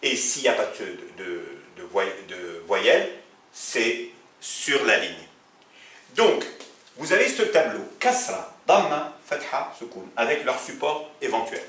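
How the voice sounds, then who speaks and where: A man's voice: mid-range voice, big pitch swings, slow, fairly bright tone. A man teaching Arabic in French to a class. He often tells them to look and asks them questions, then answers himself. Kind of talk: classroom lesson explaining grammar. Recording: echoey room, mic far off.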